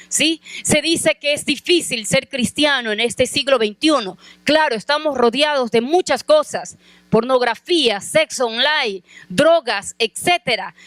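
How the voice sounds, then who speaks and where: A woman with a high voice preaches as a pastor's wife, sharing a personal story in earnest. She asks her listeners questions directly. The sound is dry and close, with little room echo. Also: a bit bright. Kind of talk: sermon with personal testimony.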